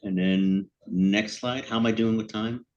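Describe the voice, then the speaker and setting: A man's voice: lowish voice, fairly even intonation, unhurried, a little mellow, dull audio. A middle-aged man with a New England accent, presenting his sculptures in a casual, rambling talk with a lot of fillers and self-deprecating asides. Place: event room.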